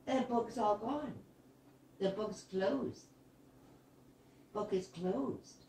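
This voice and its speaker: A woman's voice: mid-range voice, drawn-out words, warm tone. A sweet older woman, a grandmother, talking playfully and encouragingly as she reads and counts with a toddler. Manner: sweet, playful baby-talk encouragement with gasps of wonder. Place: living room, indoors. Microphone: camera a few meters away. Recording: roomy, distant microphone, some background noise.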